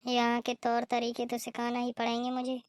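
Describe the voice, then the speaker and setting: A woman's voice: fairly high pitch, completely flat delivery, normal speed, no echo, studio quality, natural voice. A woman voicing a strict, scolding middle-aged mother-in-law in a cartoon, nagging and complaining. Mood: grumbling. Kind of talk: cartoon voice acting.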